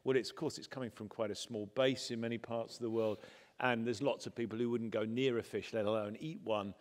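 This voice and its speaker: Guy on a panel in a big hall, headset mic, thoughtful and measured, bit of reverb. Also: mid-range voice, steady tone. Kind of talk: conference panel remarks. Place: large conference hall stage.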